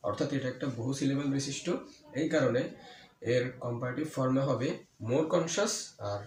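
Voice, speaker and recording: A man's voice: mid-range voice, fairly even intonation, darkish tone. Man teaching grammar in an echoey room. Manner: repeats key words slowly, asks and answers his own questions. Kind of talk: explanatory grammar lesson. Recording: echoey room with faint ambient noise.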